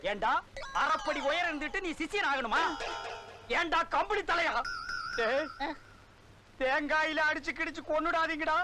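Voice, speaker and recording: A man's voice: very high voice, moderate pace, pauses often, music in the background. An actor playing a middle-aged village sorcerer who scolds and mocks his helpers in a film comedy. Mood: ranting. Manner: mocking, ranting.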